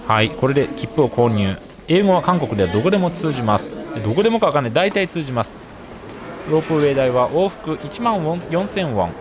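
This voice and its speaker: A man's voice: on the high side, big pitch swings, fast, crowd noise. A man narrating his solo trip as a travel vlogger, chatty and explanatory with light joking asides.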